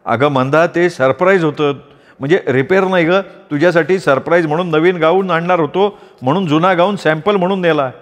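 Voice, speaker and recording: A clumsy husband pleads and piles up excuses in a fairly high voice, voiced by a male storyteller. The room has a long hall echo. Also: brisk, muffled recording, natural voice. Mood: pleading.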